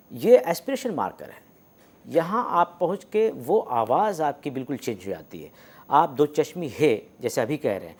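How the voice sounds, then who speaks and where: Male lecturer, animated intonation, patient and halting delivery. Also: a little high. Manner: explains slowly with many hesitations and demonstrated sounds. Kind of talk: academic lecture on script and pronunciation.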